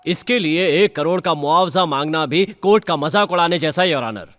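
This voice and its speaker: Male voice for a scornful opposing lawyer, slightly high, dismissive. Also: normal speed, fairly bright tone, big-room sound, soft background music, natural voice. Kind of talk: Hindi film dub.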